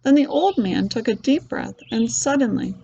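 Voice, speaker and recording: A woman's voice: a little high, animated, normal speed, gravelly, mellow, slightly rough, lo-fi sound. A woman reading a children's book aloud, voicing the characters lightly. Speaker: reader. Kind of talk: storybook read-aloud.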